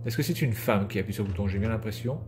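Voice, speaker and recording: A man's voice: fairly low pitch, fast talker, over music. A man giving casual video game commentary as a streamer, sarcastic and swearing freely.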